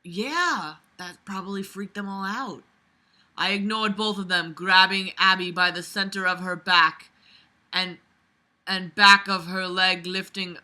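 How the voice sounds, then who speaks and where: A young adult woman lies on a bed in a small bedroom, reading fiction aloud at a measured pace. Her mid-range voice is bright and forceful, with fairly even intonation. She keeps breaking in with exasperated, world-weary sarcasm and frequent swearing.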